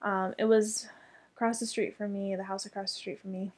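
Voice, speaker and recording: A woman's voice: mid-range voice, little pitch movement, brisk, a little mellow, slightly rough. A young woman telling a story in casual chat, chatty and full of fillers, with casual swearing.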